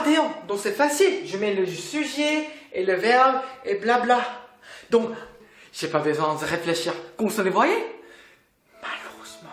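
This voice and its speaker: A man's voice: high-pitched, fairly bright tone. A man from Korea with a Korean accent, a native Korean speaker, teaching a casual lesson in a chatty, playful way with little laughs. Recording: roomy with faint noise.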